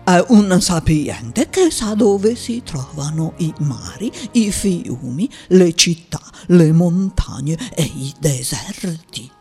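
A performer voicing a pompous, self-important old male geographer who lectures slowly. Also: mid-range voice, sing-song, a little mellow, breathy edge, faint music behind, full character voice. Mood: lecturing.

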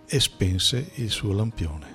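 A man narrating a storybook in a measured, storytelling manner. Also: fairly low pitch, big pitch swings, fairly bright tone, breathy edge, faint music behind. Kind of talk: scripted audiobook narration.

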